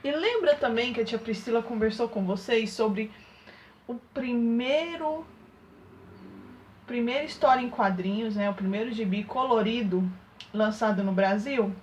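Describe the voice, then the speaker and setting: Young woman teacher talking slow and sing-songy to little kids, kinda high voice, keeps asking them questions. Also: a little hiss or hum. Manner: sing-song, coaxing questions, exaggerated loud demonstration of sounds. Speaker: primary school teacher. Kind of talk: remote lesson for young children.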